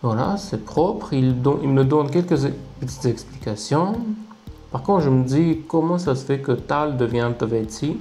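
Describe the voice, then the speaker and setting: A man's voice: medium pitch, expressive, measured pace, mellow, soft background music. A man casually walking through his screen, chatty and amused, thinking aloud as he goes. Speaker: language-learning video creator. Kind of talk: casual screen-recording commentary.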